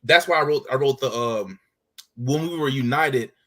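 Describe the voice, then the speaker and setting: A man's voice: mid-range voice, moderate pace, pushed and bright. A man from the United States with an American accent, calling in to a talk show and making his case with many hesitations and restarts. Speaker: caller. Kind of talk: casual call-in discussion.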